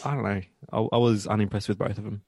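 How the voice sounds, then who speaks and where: A low-pitched man with a gravelly edge chats and laughs easily while recapping a dating show. The sound is dry and close, with no room echo. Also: fairly even intonation, fast, a little mellow. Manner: chatty, laughs often. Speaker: podcast co-host. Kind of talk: casual chat recapping a reality show.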